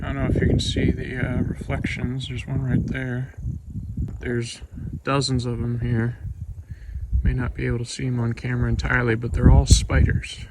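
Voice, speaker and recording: A man's voice: mid-range voice, completely flat delivery, fairly quick. A young man on a backpacking trip, narrating a casual vlog from a cattle station in a laid-back, dry, self-mocking way. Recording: loud wind noise outdoors. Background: strong wind.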